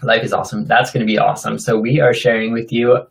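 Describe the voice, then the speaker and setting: A man's voice: on the low side, level tone, fast talker, gravelly, low-quality recording. A man co-hosting a casual vlog, upbeat and filler-heavy, calling things awesome. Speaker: co-host of couple vlog. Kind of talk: casual chat.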